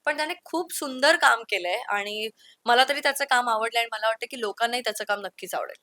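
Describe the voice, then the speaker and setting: A young woman from India's Konkan region, telling stories in a candid interview with lively quoted asides. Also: on the high side, fast talker, no echo. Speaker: interview guest.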